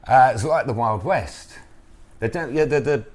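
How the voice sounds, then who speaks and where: A man's voice: mid-range voice, normal speed. A man in his fifties with a southern English accent, chatting casually and telling anecdotes in an easygoing, matey way. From Colchester, Essex, England. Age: 50s. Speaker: restaurant owner, interview guest. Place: restaurant pie kitchen indoors.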